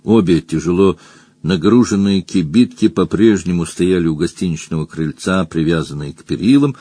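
A male narrator reads a fantasy novel aloud, throwing himself into each scene. His voice is low and husky with lively pitch swings, and the recording is close and dry. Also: no echo. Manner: expressive reading with many character voices. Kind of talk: audiobook reading.

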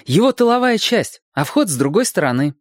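Eager boy of eleven for an audiobook, read by a man, pitched up high and bright with excitement. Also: moderate pace, no room sound, clean studio sound. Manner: lively, excited exclamations. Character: cheerful, eager 11-year-old boy. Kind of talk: audiobook reading.

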